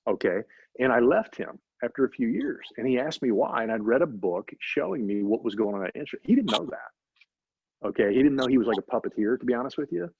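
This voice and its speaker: Husky-voiced man telling stories. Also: medium pitch, a little fast, dry recording. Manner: animated, faith-driven storytelling with frequent "right?". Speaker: interview guest. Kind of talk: casual storytelling interview. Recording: dry, slightly dull recording.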